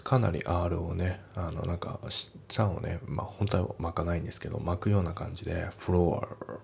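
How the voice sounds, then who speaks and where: A man teaching English in a relaxed, explanatory way, talking through a practice question with many fillers. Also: low-pitched, brisk, creaky, slight background noise. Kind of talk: casual lesson walkthrough.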